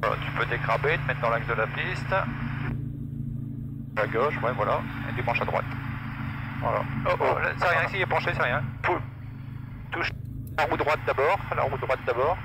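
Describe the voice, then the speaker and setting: A man's voice: medium pitch, normal speed, pauses often. A man with a French accent from France coaches casually and reassuringly through a headset in a small aircraft, over wind and engine noise. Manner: reassuring, encouraging. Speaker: flight instructor. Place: small autogyro cockpit in flight. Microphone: aviation headset. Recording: very loud engine and wind roar.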